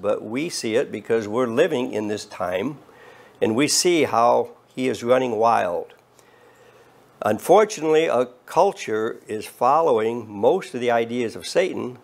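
A man of eighty preaching an earnest, measured sermon from a podium and rising in emphasis on key words. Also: medium pitch, vocal fry. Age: 80s. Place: studio set with bookshelves and flags.

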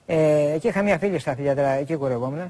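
A man in his forties from Greece speaks as a talk-show guest with a slightly raised pitch. He rambles earnestly, circles back to the same points and acts out other people's lines in long quotes. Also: mellow. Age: 40s. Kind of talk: rambling confessional chat.

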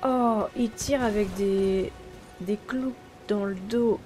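A woman's voice: medium pitch, slow pace, dark tone. A woman streamer giving casual let's play commentary, chatty and exclaiming often as she talks to her viewers and to the characters on screen. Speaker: gaming streamer. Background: game music.

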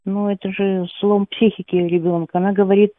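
On a tinny phone line, a woman from Donetsk in eastern Ukraine, who teaches Russian at a school, talks unscripted as a caller. She speaks fairly quickly in a flat, medium-pitched voice, and the recording is dry.

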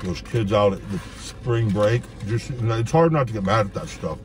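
A man's voice: fairly low pitch, lively intonation, moderate pace, a little mellow, a little hiss or hum. A man talking while eating, blunt and profane, in a casual food vlog from a parked car. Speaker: food vlogger.

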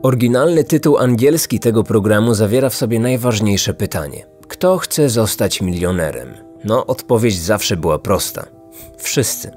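A man's voice: lowish voice, animated, moderate pace, a little mellow. A man from Poland in his thirties narrating a scripted story as a podcast host. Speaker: true crime podcast host. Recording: music bed behind the voice. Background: background music.

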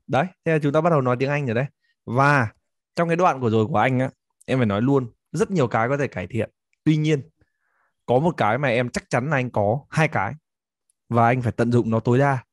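A man's voice: medium pitch, no echo, studio quality. A man coaching a student one-on-one, encouraging and explaining corrections step by step. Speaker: English teacher.

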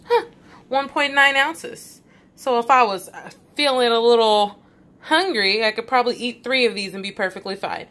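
A young woman chats her way through a home cooking vlog, speaking straight to her viewers. Her voice is bright and a little high, with an easy, friendly flow. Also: moderate pace. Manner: chatty, talks to viewers directly. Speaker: vlogger.

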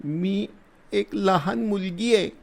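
A man voicing a timid, frightened little girl who speaks in halting, tearful answers. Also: high voice, vocal fry, pitched above the performer's own voice, full character voice. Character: small frightened girl refugee.

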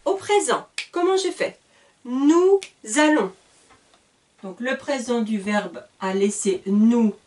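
A patient woman teacher explains grammar at a whiteboard, taking her time over every word. Her voice sits a little high and is heard from some distance, as if from a camera across the room. She spells endings out letter by letter and stops to correct herself. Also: big pitch swings, a little slow, few pauses, darkish tone. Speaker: French teacher. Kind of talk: slow whiteboard grammar lesson. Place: classroom at a whiteboard. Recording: voice a little far from the mic.

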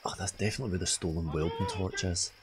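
A man's voice: deep voice, steady tone, quick pace, noisy background. A man with a Scottish accent giving casual live gameplay commentary and chatting to his viewers. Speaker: game streamer.

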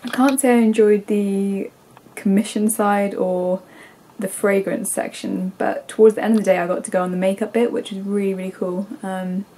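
Chatting casually in her bedroom with the camera held at arm's length, an English vlogger in her twenties rambles through a stuffy, congested nose, using lots of ums and likes. Her mellow, mid-range voice keeps fairly even intonation at a moderate pace with hardly any pauses. There's slight background noise.

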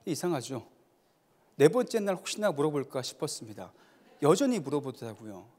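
A man's voice: fairly high pitch, very animated, fairly quick, darkish tone. Emphatic male pastor in a reverberant hall. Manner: storytelling with acted dialogue, emphatic. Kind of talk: sermon. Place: church sanctuary.

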